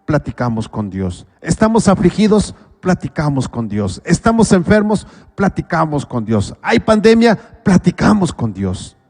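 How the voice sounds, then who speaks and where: A man with a Mexican accent preaching a sermon as pastor, asking rhetorical questions and swinging between loud pleas and quiet low asides. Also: sing-song, measured pace, hardly any pauses, in a large hall.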